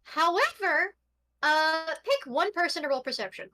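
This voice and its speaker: A woman running a tabletop game as game master, narrating scenes slowly and descriptively between casual chatter. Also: extremely high pitch, sing-song, pushed and bright. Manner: eating while narrating, slow descriptive narration.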